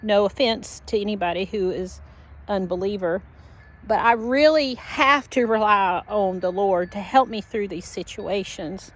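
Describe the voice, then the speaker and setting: An older widowed woman talking slowly and heartfelt in a casual personal vlog recorded at home. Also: medium pitch. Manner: slow, rambling, heartfelt. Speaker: vlogger.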